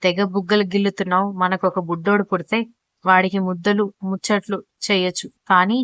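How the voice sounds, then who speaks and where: A lovesick young husband whispers playful teases in an audio storybook, as a woman reads him. The voice sits at a middle pitch and stays close and dry. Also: little pitch movement, brisk, a bit bright, no room sound, close to an everyday voice. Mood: teasing.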